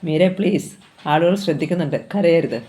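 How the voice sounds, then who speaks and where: Reader doing a worried young guy, urgent and pleading, dark mellow tone. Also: mid-range voice, a little fast, natural voice. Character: anxious young man trying to calm a friend.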